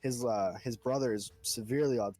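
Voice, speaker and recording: A man's voice: mid-range voice, warm tone, no echo, faint music behind. A young man co-hosting a podcast, speaking hesitantly in casual chat. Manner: hesitant, halting. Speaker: podcast co-host.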